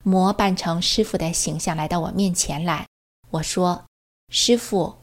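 Earnest woman with a lowish voice. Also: steady tone, normal speed. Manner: earnest storytelling that quotes others' words. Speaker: religious practitioner sharing her experience. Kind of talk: personal testimony narration.

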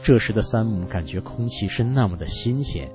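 A man reading a story aloud for a radio program in an earnest, measured narrating voice. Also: on the low side, expressive, darkish tone, soft background music. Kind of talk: scripted narration.

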